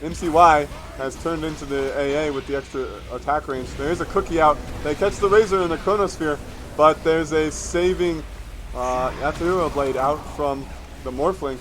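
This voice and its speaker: A man casting live esports play-by-play, calling a team fight in fast, rising bursts, tired and with his voice a bit worn late at night. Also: on the high side, fairly even intonation, noisy background. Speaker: esports caster. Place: at home, streaming late at night.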